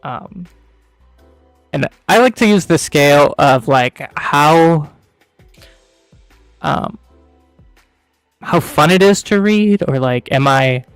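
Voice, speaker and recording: A man's voice: fairly high pitch, animated, takes it slowly, pauses often, clear, resonant tone, no room sound, faint music behind. A man co-hosting a casual book review show, chatty, laughing often and tripping over hard words. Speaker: podcast co-host.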